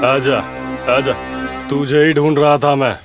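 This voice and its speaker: A man's voice: mid-range voice, flat delivery, unhurried, natural voice. A man dubbing a threatening, mocking loan shark in a film. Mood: menacing. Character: menacing male loan shark, threatening debtor's son. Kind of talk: Hindi film dub. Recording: dubbed film with music underneath.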